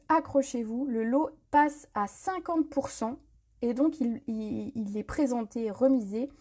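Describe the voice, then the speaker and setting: High, mellow-voiced chatty woman seller. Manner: chatty, many hesitations and repeated words. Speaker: craft product seller hosting a live stream. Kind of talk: casual live sales chat.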